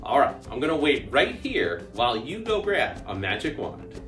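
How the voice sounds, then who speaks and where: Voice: mid-range voice, sing-song, normal speed, a bit bright, reverberant, soft background music. A children's magician hosting an interactive party-style magic show, exclamatory and playful, coaxing young viewers into call-and-response.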